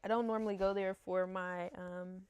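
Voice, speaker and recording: A woman's voice: mid-range voice, flat delivery, moderate pace, a little mellow, clean tone. A woman in her thirties from the United States, a book vlogger chatting casually at home into a camera mic, laughing often and stumbling over names. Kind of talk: casual chat.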